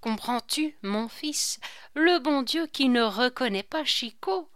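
A woman reading aloud and voicing a sly, quick-witted male court jester with a mocking, theatrical manner. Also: high voice, animated, a bit bright, no echo, clean studio sound, voice pushed up, exaggerated voice. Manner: mocking, theatrical whispers and mock pleading.

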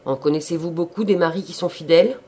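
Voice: mid-range voice, fast talker, a little mellow, close to an everyday voice. A reader voicing an older country priest who lectures and coaxes with a wry, knowing manner, in an audiobook of a classic novel. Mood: sly sermonizing. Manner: sermonizing, wry and cajoling.

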